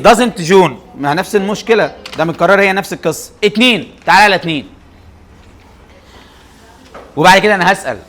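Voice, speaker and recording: Fast, high-voiced Egyptian teacher. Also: male voice. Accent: Egyptian Arabic. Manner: lively, fires quick questions at students and answers them himself. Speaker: English teacher. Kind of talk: classroom grammar lecture.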